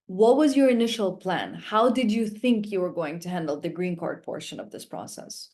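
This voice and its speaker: A woman's voice: fairly low pitch, expressive, normal speed, darkish tone. A woman founder hosting a video interview, upbeat and encouraging as she asks guiding questions.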